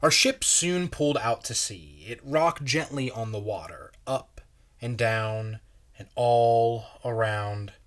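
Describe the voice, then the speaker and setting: In the manner of a pastor addressing children, a man reads a story aloud. His voice is of typical male pitch, his pace very slow and measured, and he shapes his expression for a young audience.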